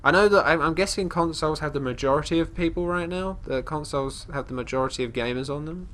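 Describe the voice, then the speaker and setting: Talking fast in a slightly high, a bit bright voice, a congested man hosts a casual let's play of a fantasy game, with a little hiss or hum in the recording. He describes what his character is doing, always in third person. He rambles and often breaks off to restart his sentences.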